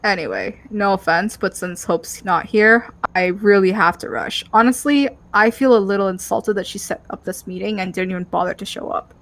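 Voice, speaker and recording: A woman voicing a guarded, hard-edged female vampire from a game, measured and cautioning. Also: medium pitch, fairly bright tone, lightly acted. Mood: polite, aggrieved.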